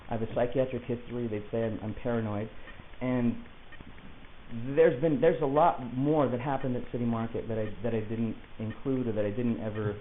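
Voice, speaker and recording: In a naturalistic audio drama, a man plays an agitated, rambling client convinced he is being targeted, speaking haltingly, digressively, and defensively. His voice is natural and mid-range, captured in a hissy, tinny, phone-like lo-fi recording.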